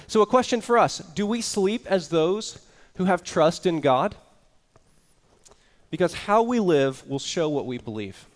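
A man's voice: high voice, expressive, a little slow. A man preaching an earnest sermon as pastor, explaining scripture with rising emphasis.

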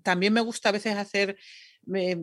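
Chatty and quick to poke fun at herself with a laugh, a woman who works as a radio announcer and podcaster talks casually as an interview guest. She keeps a mid-range, steady tone at a moderate pace, in clean studio sound without room echo.

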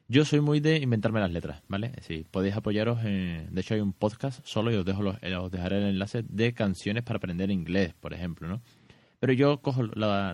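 Chatty low-voiced man giving parenting advice. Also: a little mellow, no room sound. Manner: chatty, self-correcting, lots of rhetorical questions. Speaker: podcast host, parent. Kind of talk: casual solo podcast advice.

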